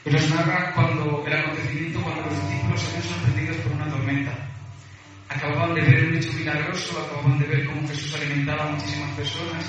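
A man's voice: a little high, level tone, quick pace, background noise. A man from preaching a sermon to a congregation, reading scripture aloud with hesitant fillers between phrases. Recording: very echoey hall from far off.

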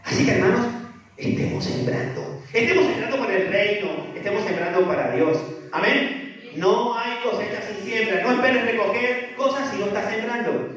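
A man's voice: high-pitched, moderate pace, fairly bright tone. A man preaching a sermon, asking the congregation rhetorical questions. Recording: echoey, distant, dull church sound with faint music.

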